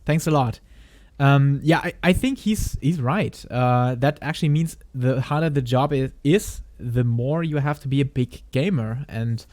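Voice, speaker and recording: A man's voice: medium pitch, unhurried, darkish tone, no room sound. A man streaming a reaction video, talking hesitantly with frequent restarts and laughs. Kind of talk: live stream reaction commentary.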